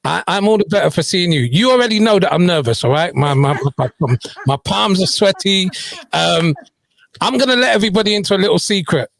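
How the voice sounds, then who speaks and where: Gravelly-voiced male radio host. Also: high-pitched, animated, fairly quick, a bit bright. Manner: chatty, joking, self-mocking. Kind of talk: casual on-air chat and song introductions.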